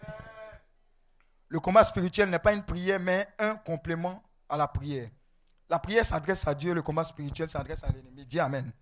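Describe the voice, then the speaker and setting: A man preaching a charismatic sermon, calling out to the congregation, swinging between shouts and low, quiet stretches. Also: moderate pace. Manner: call-and-response, shouting and then dropping low, exclamations.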